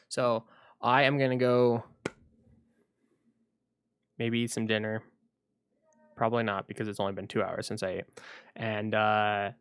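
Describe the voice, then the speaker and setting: A man chatting casually on a solo livestream, rambling and thinking aloud with frequent pauses, at home at his computer. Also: fairly low pitch, creaky, smooth, no echo, studio quality.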